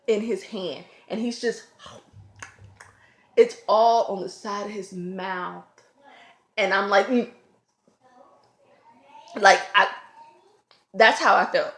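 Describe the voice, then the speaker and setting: A woman, a mother and vlogger, telling a casual storytime at home with loud, animated acted-out quotes and screams. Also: medium pitch, reverberant. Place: home, room with children around.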